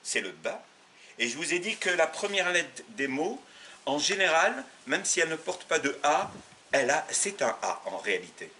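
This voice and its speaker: A man teaching a beginners' language lesson, patient and methodical, repeating sounds slowly and correcting himself as he goes. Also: a little high, big pitch swings, sharp tone, recorded from a distance, a little hiss or hum. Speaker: Arabic teacher. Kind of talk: step-by-step lesson for learners.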